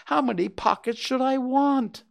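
A storyteller voicing a bossy, self-important, scheming rabbit in a children's storybook, with a deliberate, pompous manner. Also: high voice, creaky, voice pushed up. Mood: indignant.

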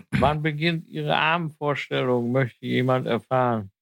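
A man with a gravelly voice telling jokes among friends, laughing after his punchlines. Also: mid-range voice, unhurried, no echo. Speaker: joke teller.

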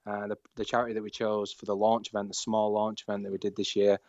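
A man's voice: on the low side, monotone, fast talker, darkish tone, dry recording. A man, an enthusiastic startup founder talking as a guest in a casual interview, rambling and restarting his sentences. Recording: dull lo-fi sound.

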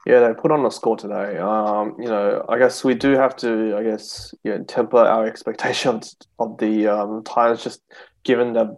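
Male podcast guest, lower register, casual sports discussion, tentative phrasing padded with "you know". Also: steady tone, moderate pace, low-quality recording.

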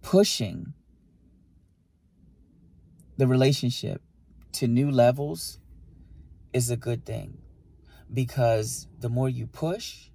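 A man's voice: medium pitch, slow pace, vocal fry, pauses often, warm tone, dry recording. A man co-hosting a podcast, talking casually and emphatically about relationships, with lots of rhetorical questions. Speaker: podcast co-host.

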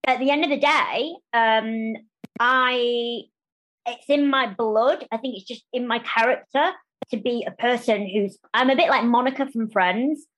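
A woman speaking candidly as a podcast interview guest, animated and quick to restart phrases and act out what others say. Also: fairly high pitch, poor audio. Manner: animated, restarts phrases, acts out quoted voices.

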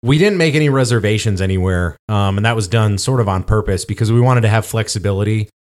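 Low-voiced man rambling casually. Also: fast talker. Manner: rambling storytelling with many fillers. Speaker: podcast co-host. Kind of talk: casual chat.

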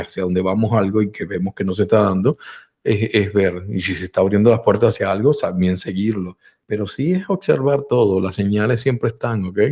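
A man's voice: fairly low pitch, husky. Guy hosting a live call-in show, tells jokes with lots of voices and motor noises. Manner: animated storyteller, acts out voices and engine sounds. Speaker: host. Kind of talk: live call-in talk with a told joke. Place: live online broadcast.

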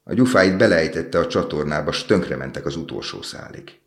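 A gentle, sorrowful prince from a storybook, imploring and selfless, voiced by a man reading aloud. His voice sits extremely low and deep, kept close to the reader's own plain tone. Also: lively intonation.

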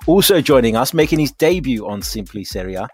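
A man hosting a football podcast, introducing guests and asking them questions in an animated, chatty way. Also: mid-range voice, brisk, husky. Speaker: podcast host.

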